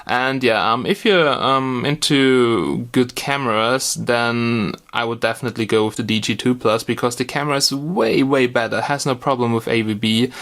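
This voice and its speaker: A man with a medium-pitched, fairly bright voice gives a casual, unscripted gadget review. He's blunt and informal, frequently pausing and repeating words as he works through his thoughts.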